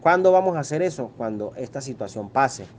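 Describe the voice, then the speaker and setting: Priest, man, middle-aged, mid-pitched, preaching with forceful rhetorical questions. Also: lively intonation, brisk, a little hiss or hum. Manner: emphatic preaching, rhetorical questions, acts out quoted voices. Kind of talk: sermon.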